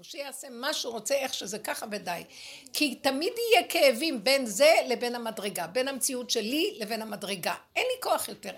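Woman pouring her heart out to a small group, fairly high and gravelly, keeps repeating herself. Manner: impassioned, cries out in exasperation, repeats words. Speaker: group sharer. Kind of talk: emotional spiritual sharing in a group.

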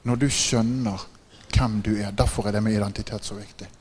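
Lively, low-voiced man preaching. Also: husky. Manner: keeps asking listeners "right?"; laughs often while telling stories. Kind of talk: sermon with animated storytelling.

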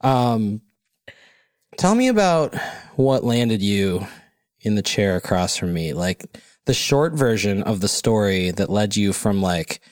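A man hosting a podcast interview in a studio, chatting loosely and joking, with sudden jumps into a high voice. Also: big pitch swings, slow pace, darkish tone, dry recording. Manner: loose, rambling, jokey, with pitch jumping up high. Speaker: podcast host. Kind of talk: casual interview chat. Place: recording studio.

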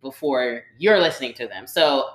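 Animated low-voiced woman co-host. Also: moderate pace. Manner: animated, exclamatory. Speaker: podcast co-host. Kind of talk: casual chat. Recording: roomy echo.

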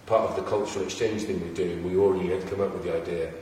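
A man's voice: low voice, fairly even intonation, quick pace, darkish tone, slight background noise. An English man hosting a podcast, chatting in a rambling, enthusiastic way and often restarting his sentences. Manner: rambling, self-interrupting, enthusiastic. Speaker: podcast host. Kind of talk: casual chat interview. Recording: echoey room, far from the mic.

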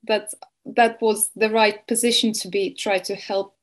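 A woman's voice: mid-range voice, level tone, measured pace. A woman from Estonia, a nutrition advisor, answering questions as a webinar guest with hesitant speech full of fillers. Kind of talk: webinar interview.

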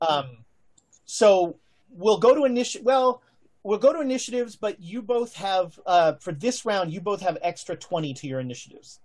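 A man improvising narration as game master of a tabletop game, thinking aloud in halting phrases. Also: high-pitched, expressive, a little mellow.

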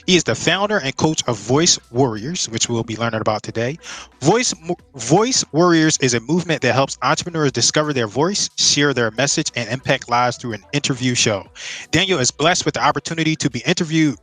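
A man's voice: mid-range voice, expressive, brisk, a bit bright, dry recording, low-quality recording. A man hosting a podcast, reading a scripted introduction and then asking questions, sometimes stumbling on words. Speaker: podcast host.

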